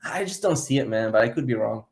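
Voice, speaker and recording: A man's voice: medium pitch, expressive, quick pace, darkish tone. A man with a mid-range voice guests on a political podcast. He speaks bluntly and casually, swearing freely and laughing between points. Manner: blunt, profane, laughing asides.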